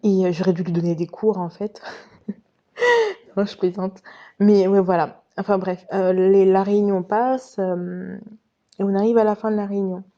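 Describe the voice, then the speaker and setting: A woman's voice: mid-range voice, fairly even intonation, moderate pace, mellow, dull audio. A woman casually telling a personal story to her viewers, chatty and direct. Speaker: vlogger recounting her past.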